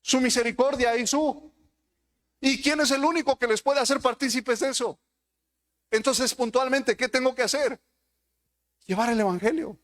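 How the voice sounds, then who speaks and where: Male preacher, high voice, sermon delivery built on rhetorical questions to the congregation. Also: normal speed, long pauses, fairly bright tone. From Mexico.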